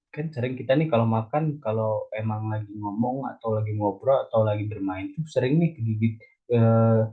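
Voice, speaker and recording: Husky young man teaching young children. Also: mid-range voice, narrow, tinny audio. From Indonesia. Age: young adult. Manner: explains step by step, asks children questions. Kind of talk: elementary school biology lesson.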